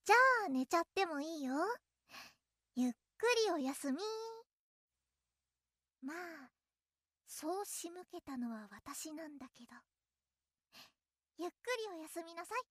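Woman acting a very high-voiced, clingy childhood-friend girl. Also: moderate pace, no room sound, studio quality, natural voice. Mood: playful, coaxing. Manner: coy, playful, teasing, softly menacing. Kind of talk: Japanese audio role-play addressed to the listener.

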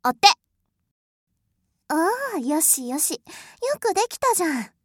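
A woman's voice: high voice, animated, a little slow, no room sound, clean studio sound. A woman voicing a haughty, spoiled rich young lady who is bossy, cruel and scornful, in an audio drama. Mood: mocking. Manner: imperious, scornful, mocking. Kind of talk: adult audio drama role-play.

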